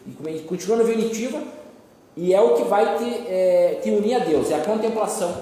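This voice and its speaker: A man's voice: sits high, fairly quick, dark tone. A man teaching a group, explaining at length and repeating key phrases. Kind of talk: lecture with group discussion. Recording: echoey room, long reverb, faint noise.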